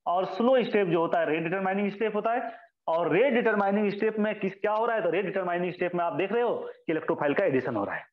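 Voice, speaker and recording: A man with a high voice lectures on chemistry, posing questions and answering them himself. His words ring out in a roomy space, and the recording sounds dull and lo-fi. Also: fast. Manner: addresses students as children, repeats key terms. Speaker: chemistry teacher. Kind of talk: classroom lecture.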